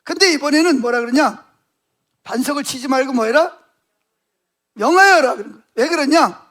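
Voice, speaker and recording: Male pastor, sermon, very high voice, storytelling, rhetorical questions. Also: normal speed, bright, forceful tone.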